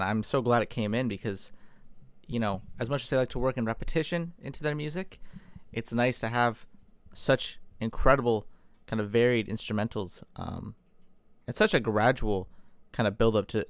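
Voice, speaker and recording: A man with a lowish, clean voice hosts an album reaction, responding enthusiastically and thinking aloud with fillers as the record plays. The album music runs loudly underneath, though the recording has no echo.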